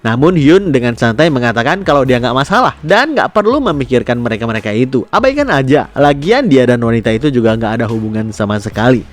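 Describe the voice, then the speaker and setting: A man narrating a comic recap in a chatty, slangy way with filler pauses. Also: medium pitch, expressive. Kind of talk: casual story recap narration.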